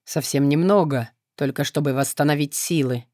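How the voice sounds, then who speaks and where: Female reader as male demon lord: low, quiet, detached, dry close sound. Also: normal speed, no room sound, lightly acted. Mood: low, hushed. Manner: detached, mentor-like, turning low and seductive. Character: cold, weary male demon lord, shadow master. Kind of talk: audiobook character voice.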